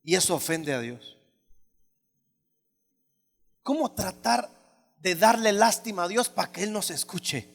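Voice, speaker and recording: A male pastor preaches in a church hall with reverb, his voice lively in intonation, measured in pace and touched by vocal fry, with frequent pauses. He's emphatic yet conversational, often questioning the congregation and swinging from loud high exclamations to low asides.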